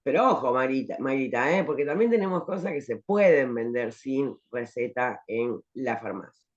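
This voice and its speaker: Her voice very deep and expressive, a woman teaching pharmacology lectures to an online class at a normal speed. She lays things out clearly, poses rhetorical questions and often tacks on "¿eh?" to check in. The sound is the dull quality of a web call.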